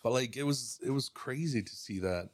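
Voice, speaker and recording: A man from Mexico, a podcast guest, talking in a relaxed, rambling way with lots of fillers and restarts. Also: mid-range voice, normal speed, no echo, clean studio sound. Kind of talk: casual podcast chat.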